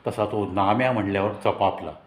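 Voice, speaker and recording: A man narrating a personal story in a conversational, reflective way with dramatic pauses. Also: on the low side, fairly even intonation. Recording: echoey room.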